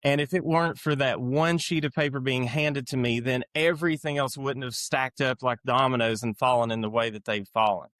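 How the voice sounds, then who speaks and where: A man's voice: mid-range voice, steady tone, fairly quick, hardly any pauses, fairly bright tone, dry recording. Middle-aged man with an Appalachian accent. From eastern Kentucky, United States. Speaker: podcast guest, author. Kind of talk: reflective personal storytelling in an interview.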